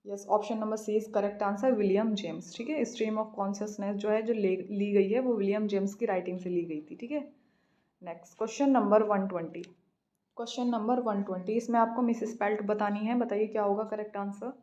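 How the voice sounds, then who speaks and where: Woman, exam coach, mid-pitched, slow deliberate question reading. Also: fairly even intonation, mellow, highs cut off. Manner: reads questions slowly, explains in Hindi-English mix. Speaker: English exam teacher. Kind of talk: exam practice lesson.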